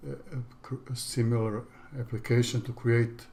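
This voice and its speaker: In this clip, a native Croatian-speaking man from Croatia narrates a screen-share tutorial for his online course, his Croatian accent clear. He speaks plainly and haltingly, often starting over, with a medium pitch, a flat, somewhat mellow delivery, and a little background noise.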